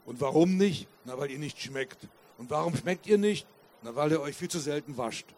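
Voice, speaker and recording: A man's voice: fairly high pitch, lively intonation, moderate pace, slight background noise, natural voice. A man reading as a kindly old peasant woman. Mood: teasing. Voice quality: rough voice. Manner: coaxing, gently teasing. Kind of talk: author reading aloud.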